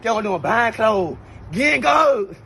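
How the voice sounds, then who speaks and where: Twenties male, high-pitched brash ranter, outdoor street noise. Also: big pitch swings, a little slow, gravelly. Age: 20s. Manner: loud boastful ranting, heavy profanity. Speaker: comedy skit performer. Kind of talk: brash comedic skit ranting.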